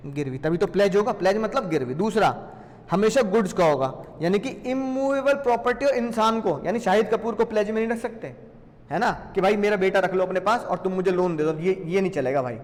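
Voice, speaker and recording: A man teaching a lively class in a playful way, often asking questions and answering them himself. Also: sits high, a little fast, big-room sound. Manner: playful, asks and answers his own questions.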